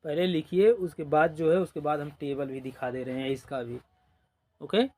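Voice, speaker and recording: A man's voice: on the high side, steady tone, darkish tone. A man teaching a basic number-system lesson step by step, patiently repeating numbers and often saying "dekhiye" and "ok". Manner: explains patiently, repeats numbers, drawn-out counting. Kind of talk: slow step-by-step classroom teaching.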